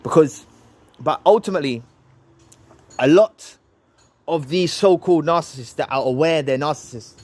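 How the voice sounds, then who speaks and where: A man's voice: a little high, darkish tone. A man giving a heated, preachy commentary monologue. He repeats his phrases and ends his points with "right?". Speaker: vlogger responding to another video.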